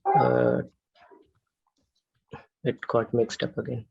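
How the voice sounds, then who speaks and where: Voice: mid-range voice, little pitch movement, drawn-out words, creaky, slightly rough. A candidate in a formal mock coding interview, answering in a nervous, unsure and deferential way over an online call. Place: online video call with screen sharing. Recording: dull lo-fi online call audio.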